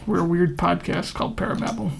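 A woman co-hosting a podcast in casual chat, making deadpan quips. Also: on the low side, quick pace, gravelly, husky. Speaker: podcast co-host.

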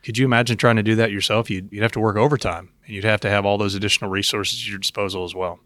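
Low-voiced man hosting an advice podcast. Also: little pitch movement, rapid-fire, a bit bright, no echo. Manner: explanatory, addresses listeners and co-host directly. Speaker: podcast host and investment professional. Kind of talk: podcast talk giving investment advice.

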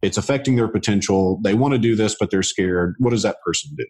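A man hosting a real estate podcast, chatting in a relaxed way with lots of casual fillers. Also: fairly low pitch, quick pace. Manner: relaxed, chatty, many fillers like "you know". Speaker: podcast host. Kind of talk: casual interview chat.

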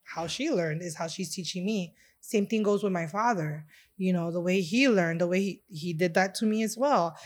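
A woman from Chicago who runs a restaurant is being interviewed casually about her heritage. She talks at normal speed in a fairly low pitch, rambling sincerely and leaning on many filler words.

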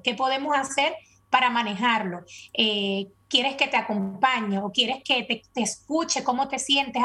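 Woman, interview guest, earnest explainer with a higher voice, checks in often. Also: sharp tone, breathy edge. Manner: earnest, repeats steps with frequent "¿verdad?". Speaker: guest expert.

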